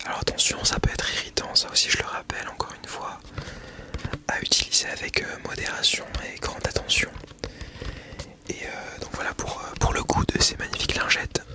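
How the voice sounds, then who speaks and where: Breathy, casual whispering comes from a male ASMR creator as he talks about products into a small wireless clip-on mic he is testing. His manner is mock-solemn and tongue-in-cheek.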